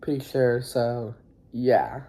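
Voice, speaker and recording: Slow, halting, very dark-voiced teenage student vlogger. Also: medium pitch. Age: teens. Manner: halting, rambling, apologetic. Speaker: high school student vlogger. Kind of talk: casual recap vlog to camera. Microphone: phone.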